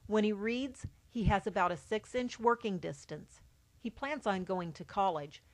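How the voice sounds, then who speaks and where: A middle-aged woman, a mother, reading aloud a personal account in a steady, matter-of-fact way. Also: mid-range voice, moderate pace. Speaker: mother of a child with albinism.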